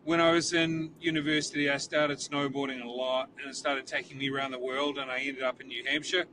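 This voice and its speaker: A New Zealand police chief in his forties, with a Kiwi accent, talks earnestly in a casual interview inside a police cruiser, repeating words as he thinks. His medium-pitched voice is level and a little fast, picked up by a distant mic amid vehicle noise.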